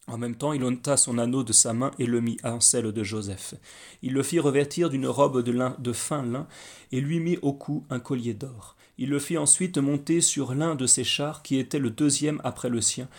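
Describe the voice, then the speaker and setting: Man reading scripture aloud, measured. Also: medium pitch, a little mellow. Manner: measured reading with small slips and restarts. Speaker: Bible reader. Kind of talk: scripted narration.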